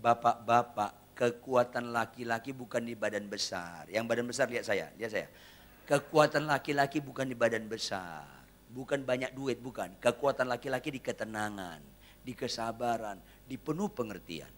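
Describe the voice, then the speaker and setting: A male pastor preaching a humorous sermon, teasing the congregation and swinging between loud punchlines and hushed asides. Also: mid-range voice, moderate pace. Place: church.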